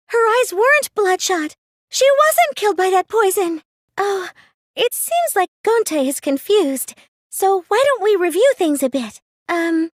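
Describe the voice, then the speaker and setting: In a clean, echo-free studio recording, a woman with an extremely high voice plays a timid, earnest, nerdy teenage girl for an English video game dub. Her mood is thoughtful and questioning, and the character is hesitant, tending to stammer when flustered.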